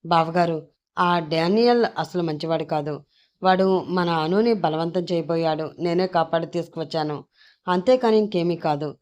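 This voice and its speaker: A woman voicing a protective young man who explains quickly and quietly, in a storybook reading. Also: lowish voice, natural voice. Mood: hurried explaining.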